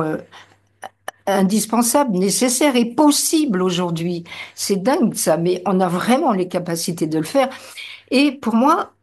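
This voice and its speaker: A woman's voice: mid-range voice, a little mellow. Earnest woman guest on a panel. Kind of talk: panel discussion.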